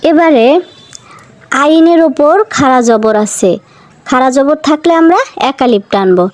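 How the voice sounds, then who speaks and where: A woman teaching Quran reading to children in a slow, patient lesson, spelling out each letter and vowel mark, then repeating the syllable. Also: high-pitched, expressive, rough recording. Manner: asks the listeners questions and answers them herself.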